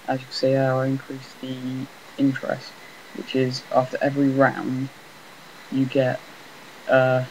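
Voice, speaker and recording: A man casually rambling through commentary on a game he is playing, talking in a flat, self-deprecating way on a laptop mic. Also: mid-range voice, creaky, slight background noise, poor audio. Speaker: gameplay commentator.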